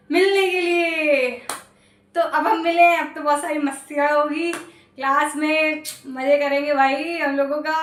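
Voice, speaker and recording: Young female tutor, high voice, friendly coaxing patter, recorded in an echoey room. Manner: chatty, coaxing, repeats promises and guarantees. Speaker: maths teacher. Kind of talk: casual online lesson.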